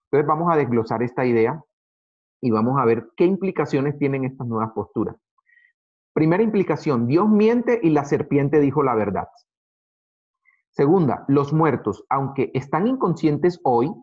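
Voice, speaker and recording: Guy giving a bible study lecture, earnest, reads the verses out slow, mid-pitched voice, kinda dull muffled recording. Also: darkish tone. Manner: earnest, addresses listeners as brothers, reads verses slowly. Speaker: Adventist Bible teacher.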